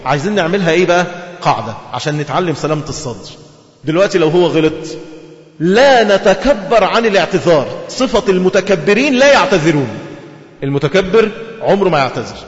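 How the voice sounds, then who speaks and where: A man with an Egyptian accent delivers a lively sermon at a quick clip, his voice pitched high. He keeps asking the audience rhetorical questions. The recording is dull and lo-fi, with a long echo from a large hall. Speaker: preacher. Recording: echoey hall, dull lo-fi sound.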